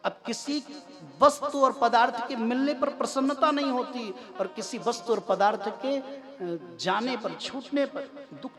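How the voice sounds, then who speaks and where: A man preaching a devotional sermon, telling stories in an animated, humorous and emphatic way. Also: very high voice, a little slow, music in the background. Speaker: Bhagavat katha preacher.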